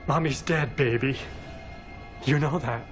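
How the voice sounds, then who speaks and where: An actor playing a grieving father who speaks softly and somberly to comfort his frightened daughter. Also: mid-range voice, measured pace, faint music behind, natural voice. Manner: soft, somber, consoling. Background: film score.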